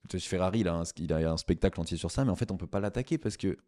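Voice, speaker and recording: A young man from France with a deep, mellow voice, chatting as a guest on a podcast. He talks in animated bursts, stops halfway through phrases and picks them up again. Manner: animated, halting, many restarts. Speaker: stand-up comedian guest. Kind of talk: casual podcast interview.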